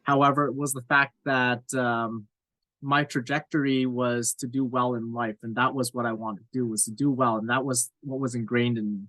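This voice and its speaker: A man's voice: mid-range voice, flat delivery, normal speed, bright, forceful tone, dry recording, poor audio. Candid rambling man in his thirties. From Cape Breton Island, Nova Scotia, Canada. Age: 30s. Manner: candid, rambling, self-deprecating with frequent fillers. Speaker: podcast guest. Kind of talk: casual interview chat.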